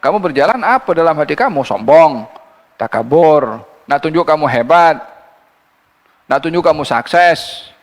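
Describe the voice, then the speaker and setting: A man giving a Quran commentary lecture, reciting verses slowly and then explaining them in a lively teaching voice. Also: on the high side. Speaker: religious teacher. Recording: long hall reverb.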